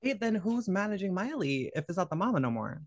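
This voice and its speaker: A man's voice: sits high, very animated, quick pace. A man co-hosting a podcast, chatting playfully about celebrities and calling his co-host "girl" and "sister.". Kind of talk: casual gossip chat.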